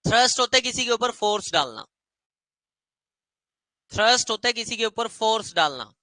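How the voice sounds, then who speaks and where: A male grammar teacher with a high, very bright and forceful voice, recorded dry and close. He lectures in a lively way, repeats each word as a drill and stretches English phrases out slowly for his students. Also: dry recording, poor audio. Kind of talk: classroom lecture.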